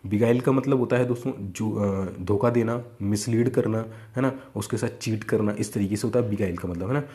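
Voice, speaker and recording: A young man teaches exam vocabulary in an easy, chatty way. His voice sits low and mellow, and he keeps asking his students whether they follow. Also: fairly quick. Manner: conversational, repeats 'है ना' and 'ठीक है'. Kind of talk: casual Hindi lesson.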